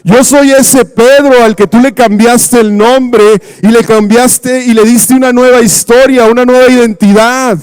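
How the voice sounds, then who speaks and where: A man preaching a sermon voices a brash, hot-tempered man who loudly insists he will stay loyal. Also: fairly even intonation, unhurried, hardly any pauses, clear, resonant tone. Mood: protesting. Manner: loud, high and emphatic.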